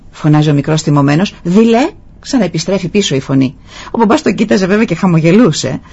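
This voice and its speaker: A woman hosting a talk show, speaking softly and telling stories with pauses and fillers. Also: fairly low pitch, slightly rough. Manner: soft-spoken, storytelling with pauses and fillers. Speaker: host. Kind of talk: reflective talk-show conversation. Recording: dull lo-fi sound.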